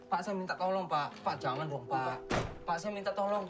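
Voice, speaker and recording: A man's voice: high-pitched, brisk, natural voice. A young man playing a broke older brother who pleads over and over in a comedy film. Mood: pleading. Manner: pleads over and over, frantic then tender. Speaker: older brother, taxi driver.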